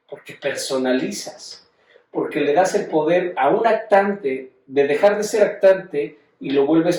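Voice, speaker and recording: Mexican male teacher, slightly high voice, chatty lecture, recorded from across an echoey room. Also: a little mellow, slight background noise. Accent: Mexican Spanish. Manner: conversational, explaining with tag questions. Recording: echoey room, mic at a distance.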